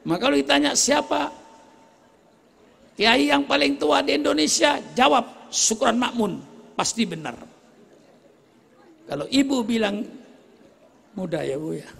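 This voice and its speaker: A man in his eighties preaching a sermon to a gathering, joking with the audience and rising to shouts. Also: sits high, gravelly. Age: 80s. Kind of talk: religious sermon. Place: gathering before a crowd.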